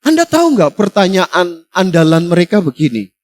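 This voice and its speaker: A man's voice: high-pitched, very animated, moderate pace. A man pastor preaching a sermon, emphatic and full of rhetorical questions.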